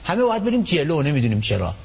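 A man guest on a radio talk show, explaining his ideas in an animated way, often acting out what people say. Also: on the high side, vocal fry, husky, muffled recording. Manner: animated storytelling, acts out quotes. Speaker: psychology expert guest.

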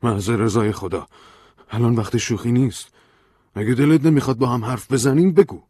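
A paranoid young man who talks urgently and secretively, as a storyteller plays him. He has a low, husky voice, recorded dry and close. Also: fairly even intonation, a little mellow, no echo. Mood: urgent worried.

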